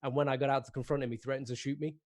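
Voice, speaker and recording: A man's voice: medium pitch, little pitch movement, rapid-fire, darkish tone. A man guesting on a casual video-call chat, telling laid-back anecdotes. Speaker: comedian guest.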